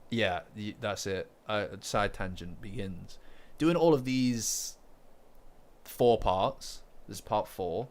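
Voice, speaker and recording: A slow-speaking man with a lowish voice hosts a relaxed manga commentary livestream. Fillers, repeated words and restarts fill his rambling talk, and faint lofi guitar music plays underneath.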